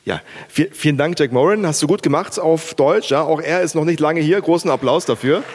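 A man with a slightly high voice runs a live concert at a somewhat fast pace, with faint background noise. In an upbeat manner he introduces performers, gets the audience clapping, and interviews a student on stage.

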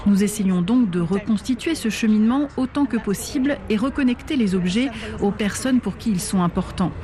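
Calm woman doing voice-over translation. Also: mid-range voice, normal speed, a crowd in the background. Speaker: voice-over interpreter. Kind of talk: dubbed voice-over.

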